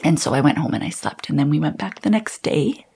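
Woman, 30s, interview guest; husky, gravelly, lowish voice, candid and halting. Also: expressive, warm tone. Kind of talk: personal story in interview.

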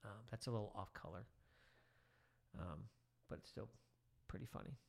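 Relaxed and rambling, a middle-aged teacher fills his casual podcast chat with fillers. His voice is on the low side with vocal fry, at a normal speed.

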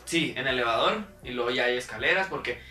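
A man's voice: medium pitch, expressive, fast, sharp tone, reverberant, far from the mic, soft background music. A young man with a Mexican Spanish accent, telling stories animatedly and laughing often in a casual podcast chat. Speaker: podcast co-host.

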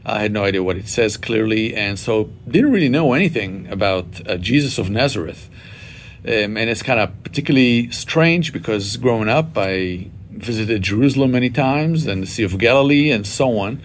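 Reflective man from Israel, low rumble. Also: animated. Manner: measured, reflective, frequent uh and um. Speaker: interview guest. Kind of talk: personal testimony interview.

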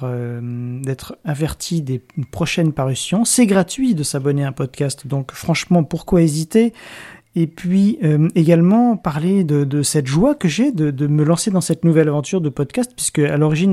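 Male podcast host, soft-spoken and hushed, mellow dark tone, informal and hesitant solo delivery. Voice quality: hushed, low-volume voice. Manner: hesitant, self-correcting, informal. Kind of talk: casual solo podcast talk.

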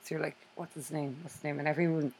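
A young woman chatting casually and laughing a lot as she tells her stories. Her voice sits fairly low for a woman. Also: steady tone, rapid-fire, a little mellow, breathy edge. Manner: chatty storyteller, laughs often. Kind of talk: casual chat.

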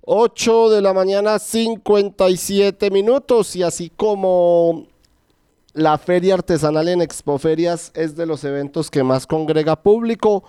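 Colombian guy reading radio news in the studio, smooth clear voice, dry sound. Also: high voice, a little slow, warm tone, no room sound. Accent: Colombian Spanish. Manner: announcing times and handing over to reporters. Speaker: news anchor.

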